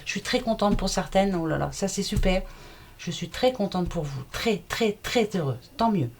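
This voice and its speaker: A woman's voice: medium pitch, animated, moderate pace, a little hiss or hum. A middle-aged woman giving a casual card reading to her viewers, chatty, familiar and reassuring, with everyday slang. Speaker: card reader.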